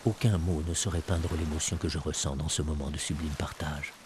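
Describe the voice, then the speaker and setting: A man's voice: very deep voice, fairly even intonation, fairly quick, noisy background. A man reading scripted nature documentary narration in the first person, with solemn, reverent, poetic phrasing. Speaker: diver and wildlife filmmaker narrating his encounters. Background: music.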